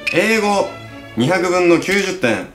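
Animated young man announcing results. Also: high-pitched, distant mic. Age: young adult. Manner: halting build-up before each reveal. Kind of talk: polite announcing among friends. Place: small indoor room, seated at a table. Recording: roomy indoor sound with background music.

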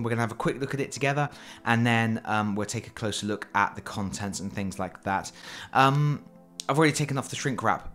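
A board game channel host with a cold talks over his hands during a casual unboxing at an indoor table. His low voice is bright and forceful. He chats easily, makes fun of himself, and fills gaps with fillers.

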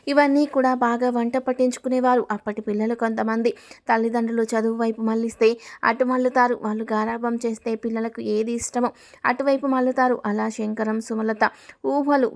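A woman reading a serialized story aloud in a plain, steady narrating manner, speaking the characters' lines herself. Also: on the high side.

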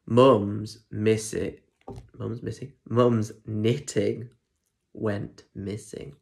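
A man's voice: lowish voice, flat delivery, extremely slow, gravelly, a little mellow. A young man with a British accent reading a children's picture book expressively, chatting directly to listeners with asides. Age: young adult. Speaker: primary school story reader. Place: small indoor room at home. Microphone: phone or tablet at arm's length.

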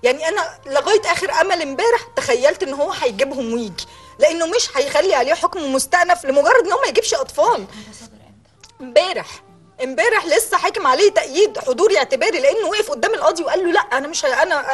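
Crying Egyptian woman, very high voice, rapid desperate pleading, repeats herself. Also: animated, faint music behind. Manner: desperate, repeats her words, breaks off in sobs. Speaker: mother pleading for her children. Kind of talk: tearful televised plea.

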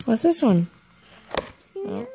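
A woman's voice: very high voice, very animated, takes it slowly, vocal fry, warm tone, rough recording. A young woman playfully quizzing a baby on letters in a home video, encouraging and laughing often. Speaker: parent teaching a baby the alphabet.

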